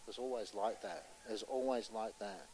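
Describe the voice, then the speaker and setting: A man preaching a sermon with passion, pressing his points loudly and then dropping to a hushed voice to tell a story, and putting questions to his listeners. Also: lowish voice, fairly even intonation, a little fast, slight background noise, rough recording. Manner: impassioned, swinging between loud urgency and hushed storytelling; asks the audience rhetorical questions.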